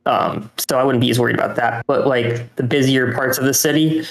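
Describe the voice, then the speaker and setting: A man's voice: mid-range voice, steady tone, a little fast, gravelly. Hesitant man chatting in an echoey room. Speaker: podcast co-host. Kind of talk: casual chat.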